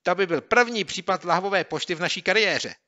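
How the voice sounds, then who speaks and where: A man doing a hot-headed schoolboy, loud and excitable. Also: high-pitched, lo-fi sound, pitched above the performer's own voice. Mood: excited. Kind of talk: audiobook character voice.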